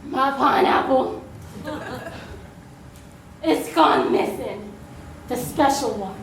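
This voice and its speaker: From across an echoey room comes a woman acting as a young film noir dame, pleading for help in an improv scene. She speaks slowly and haltingly in a very high voice. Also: gravelly, heavily acted. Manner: halting, choosing each word. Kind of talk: improvised stage comedy scene. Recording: distant echoey room, faint noise.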